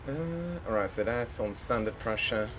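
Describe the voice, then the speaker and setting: A man's voice: on the low side, flat delivery, moderate pace. Casual male flight sim streamer, faint noise. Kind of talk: casual live-stream chat with pilot radio calls.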